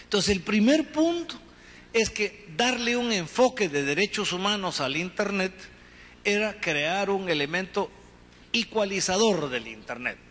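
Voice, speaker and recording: A middle-aged man from Guatemala giving an earnest, measured talk on a conference panel, speaking into a handheld microphone. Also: high voice, animated, fairly bright tone. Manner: earnest, measured, gesturing with his free hand. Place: conference hall stage. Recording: reverberant hall, faint room noise.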